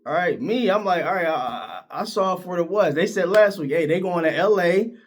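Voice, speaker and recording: A middle-aged man from Northeast Ohio giving casual, opinionated sports commentary, his voice leaping up when he gets worked up. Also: brisk. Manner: animated, opinionated, pitch jumps high when worked up.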